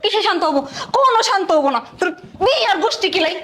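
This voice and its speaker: A woman playing a furious young bride who has been deceived, scolding and shouting. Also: very high voice, big pitch swings, rapid-fire, exaggerated voice. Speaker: bride in a web drama. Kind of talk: short web drama acting. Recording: echoey room with clear noise.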